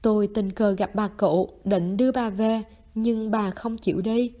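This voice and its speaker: A woman voicing a plain-spoken, strong young man who talks gently and coaxingly in a story reading. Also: medium pitch, fairly even intonation, measured pace, natural voice.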